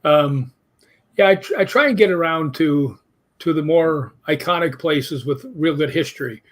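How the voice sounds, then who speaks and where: A man's voice: fairly high pitch, moderate pace. A man chatting as a guest, telling stories at length and acting out what others said. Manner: storytelling, quotes others in lively asides. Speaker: podcast guest. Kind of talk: casual chat.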